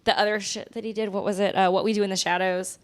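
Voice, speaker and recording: A young woman hosting a podcast and chatting casually with her guest. She talks loosely with plenty of fillers, laughs often, and sits at a middle pitch for a woman. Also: level tone, fast talker. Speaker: podcast host. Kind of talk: casual chat.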